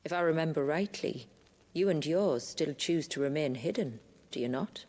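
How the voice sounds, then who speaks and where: An actress playing a proud, protective warrior chief in a video game, speaking in a solemn, deliberate way. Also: female voice, deep voice, lively intonation, darkish tone. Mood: guarded, proud. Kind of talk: dramatic video game acting. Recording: long reverb, music behind.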